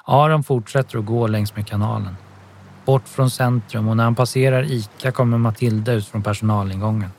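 Calm male audiobook narrator, low and husky.

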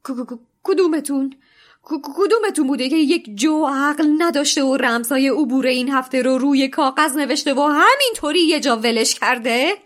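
A woman's voice: high voice, animated, a bit bright, pitched above the performer's own voice. A woman voicing a stern older woman teacher in an audiobook reading, scolding and stammering when shaken.

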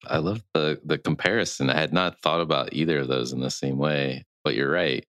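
A man's voice: a bass voice, fairly quick, fairly bright tone, dry recording, clean studio sound. A man hosting an interview, affirming his guest and asking questions with small restarts. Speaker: podcast host. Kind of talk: conversational interview.

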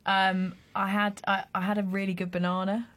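A woman co-hosting a radio chat show, animated and exclamatory. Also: mid-range voice, normal speed. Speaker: radio co-host.

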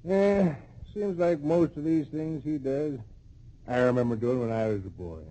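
An actor playing an easygoing older judge and guardian, folksy and hesitant, in old-time radio drama style. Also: male voice, fairly high pitch, dark tone, close to an everyday voice, rough recording. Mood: indulgent, musing. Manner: hesitant, folksy, mildly exasperated drawn-out musing.

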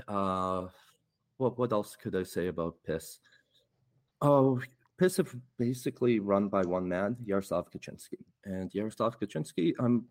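Low-voiced man tagging points with "right?". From Poland. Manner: tags statements with "right?". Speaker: guest. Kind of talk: casual interview talk.

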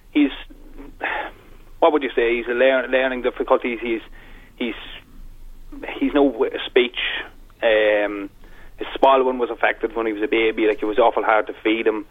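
A man, casually and haltingly explaining as a phone-in guest. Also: mid-range voice. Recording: dull telephone line on radio.

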